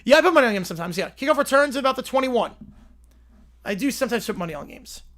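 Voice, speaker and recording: This Long Island, New York host in his twenties runs a casual livestream, narrating each football play and answering viewer questions in between. He talks fast and expressively in a very high, somewhat bright voice.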